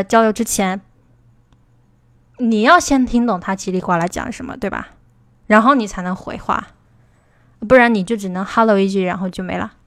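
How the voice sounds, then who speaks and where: A woman teaching English pronunciation in a livestream. She explains step by step, checks in with her listeners and slows down to model English words. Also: medium pitch, dry recording, studio quality. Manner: explanatory, asks "对吧" to check understanding. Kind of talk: livestream lesson.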